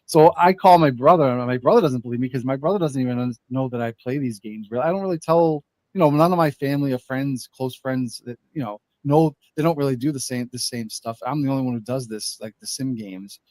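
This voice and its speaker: A man on a podcast telling a long, animated story with many restarts and acted quotes. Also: mid-range voice, fast, hardly any pauses, no room sound. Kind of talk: casual chat.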